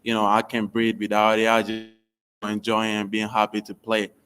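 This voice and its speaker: Young man with a smooth Beninese accent. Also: fairly low pitch, monotone, normal speed, a bit bright. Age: young adult. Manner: informal, non-native English phrasing. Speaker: basketball recruit being interviewed. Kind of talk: casual personal storytelling in an interview.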